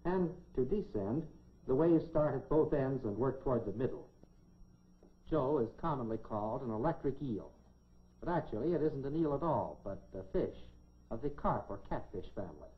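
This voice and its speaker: A middle-aged American man wearing a lab coat presents a scripted 1950s educational science film from an indoor laboratory set, his manner folksy and dryly humorous. His medium-pitched voice is expressive at normal speed. The dull 1950s soundtrack is clearly noisy.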